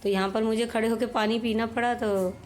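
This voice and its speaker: A woman's voice: fairly high pitch, steady tone, fairly quick. A middle-aged woman talks in a chatty, homely way, narrating her daily chores as a voice-over. Her throat is a little sore, and a faint hiss sits behind her voice. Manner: chatty, homely, explains while working. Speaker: home vlogger. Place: home.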